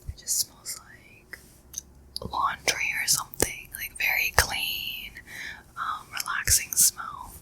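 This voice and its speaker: A woman whispering softly and slowly through a pampering facial and calm breathing guidance. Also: poor audio. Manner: soft unvoiced whisper, slow soothing guidance. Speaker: ASMR creator. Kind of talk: ASMR whispered facial role-play.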